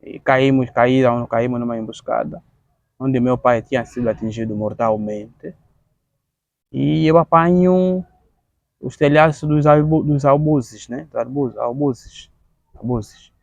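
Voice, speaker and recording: A man in his thirties with an Angolan Portuguese accent. He gives an earnest interview testimony, gravelly and halting, often repeating words as he searches for the next one. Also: mid-range voice, a little mellow, no echo, highs cut off. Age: 30s. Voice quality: gravelly, halting with frequent word repetitions.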